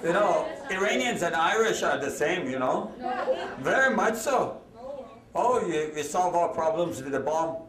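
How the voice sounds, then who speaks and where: Persian-accented male guest speaker, slow and joking, hall with a crowd laughing. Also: fairly high pitch, animated. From Iran. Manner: joking, self-deprecating storytelling. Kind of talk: humorous testimony to a church audience. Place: large hall with a live audience. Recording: echoey hall, mic from a distance, crowd laughter.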